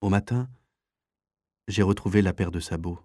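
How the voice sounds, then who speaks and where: A man with a low voice reads a memoir audiobook, sober and measured. The sound is close and dry, with no room around it. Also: mellow, dry recording. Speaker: narrator.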